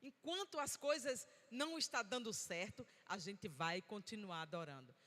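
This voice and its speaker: A woman's voice: mid-range voice, expressive, moderate pace, pushed and bright. A woman from Bahia, preaching a sermon and prompting the congregation to answer her. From Bahia, Brazil. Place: church sanctuary. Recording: long church-hall reverb.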